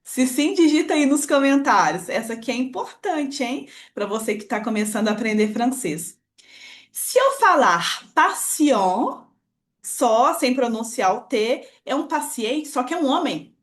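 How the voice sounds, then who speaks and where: Cheery woman teacher, kinda high voice, walking you through french on her screen. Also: animated, moderate pace, few pauses. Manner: upbeat, encouraging, addresses viewer directly. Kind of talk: online language lesson. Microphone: computer screen recording voice-over.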